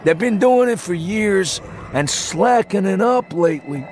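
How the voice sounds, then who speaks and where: A man's voice: sits high, lively intonation, a little slow, darkish tone, a little hiss or hum, pitched above the performer's own voice. A man voicing a terrified, ancient male townsman who talks in a rustic old-timer dialect, in an audiobook reading. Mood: urgent, ominous. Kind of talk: audiobook character voice. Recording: music underneath. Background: music.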